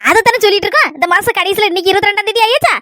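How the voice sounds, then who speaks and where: A woman's voice: very high-pitched, very fast, pushed and bright, dry recording. A woman with a Kanyakumari Tamil accent playing a nosy, insistent neighbour in a comedy skit. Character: pushy chatty neighbour woman.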